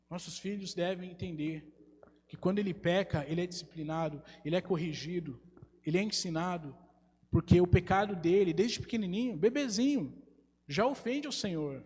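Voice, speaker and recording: High-voiced preacher in a reverberant church. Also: male voice, darkish tone. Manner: earnest preaching with rhetorical questions to the congregation. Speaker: pastor. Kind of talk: sermon. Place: church hall. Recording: live church stream with long reverb and faint hum.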